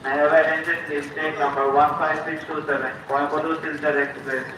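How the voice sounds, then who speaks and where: Male station announcer heard over the intercom, slightly high-pitched, far from the mic. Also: flat delivery, unhurried. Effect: over the station loudspeaker. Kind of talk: formal train announcement. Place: busy railway platform. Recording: distant loudspeaker, loud station noise. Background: crowd and platform noise.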